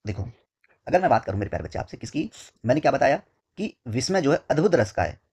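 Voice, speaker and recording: A man teaches an exam-prep lesson in a husky, slightly breathy voice at a middle pitch. He repeats each key term slowly and keeps asking "ठीक है". He calls his students his dear children. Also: sing-song, a little mellow.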